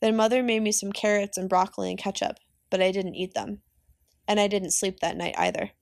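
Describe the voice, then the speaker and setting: A woman teacher reading a novel aloud for her class in a steady, plain way. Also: mid-range voice, a little fast, creaky, no echo, studio quality.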